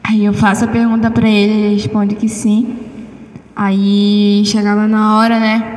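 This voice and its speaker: A woman giving an animated testimony in church and acting out the conversations she tells. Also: mid-range voice, a little slow. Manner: animated storytelling, acts out dialogue. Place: church hall. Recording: echoey church hall, faint hiss.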